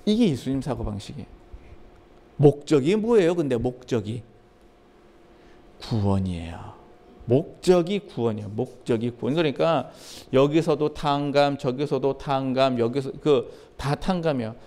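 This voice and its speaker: A male pastor preaching a sermon in an animated way, acting out Bible dialogue and putting questions to the congregation. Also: medium pitch, normal speed.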